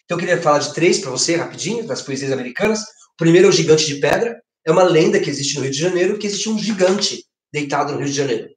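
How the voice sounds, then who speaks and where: A man's voice: a little high, fast talker, few pauses, reverberant. A middle-aged man with a Brazilian Portuguese accent teaching an online literature lesson from home. He talks animatedly, gestures as he goes and keeps checking in with tag questions. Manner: lively, gesturing, asks frequent tag questions. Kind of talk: online exam-prep lesson. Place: home living room with a projected screen.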